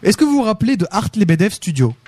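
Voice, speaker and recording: A man's voice: high-pitched, very animated, quick pace, darkish tone. Jokey French-speaking man reading tech news. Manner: reads news items with joking asides. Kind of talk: casual live tech news chat.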